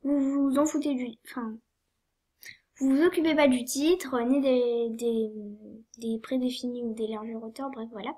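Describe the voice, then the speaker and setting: A woman's voice: fairly high pitch, steady tone, normal speed, warm tone. A young woman with a cold walks through a tutorial, hesitant, with many fillers and apologies. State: sniffly with a cold. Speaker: tutorial maker. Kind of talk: screen-recorded game tutorial.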